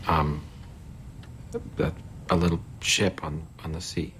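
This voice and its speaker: A man's voice: rumbling low, level tone, slow pace, a bit bright, a little hiss or hum, heavily acted. A man playing a hapless, flustered social worker in a comedy series, often exasperated. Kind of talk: sitcom acting.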